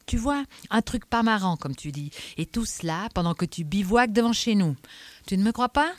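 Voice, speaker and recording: A woman reading aloud, voicing an irritable male police inspector who speaks in a forceful, emphatic, scolding way. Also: mid-range voice, lively intonation, normal speed, dry recording, pitched above the performer's own voice, close to an everyday voice. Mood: insistent.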